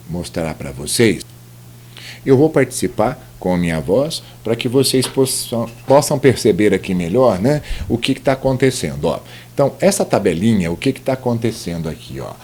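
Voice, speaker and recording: Man, grammar teacher voicing a slide lecture; animated pitch, keeps checking in with the viewer. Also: breathy edge. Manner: lively, explanatory, many tag questions.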